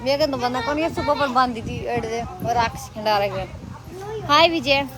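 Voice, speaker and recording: A woman's voice: on the high side, normal speed. A woman chatting casually on a live stream, greeting and thanking viewers by name and cooing to a small child.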